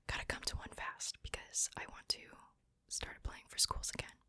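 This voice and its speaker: A woman's voice: a little fast, bright, forceful tone, no room sound. A woman whispering breathily, very close to the ear, in a casual ASMR chat. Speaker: ASMR video maker. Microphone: very close to the mic, ear to ear.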